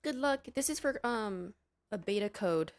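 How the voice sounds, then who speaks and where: A woman's voice: medium pitch, animated, a little slow. A young adult woman streamer chatting casually with her viewers during a live game stream, greeting them by name. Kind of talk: casual livestream chat.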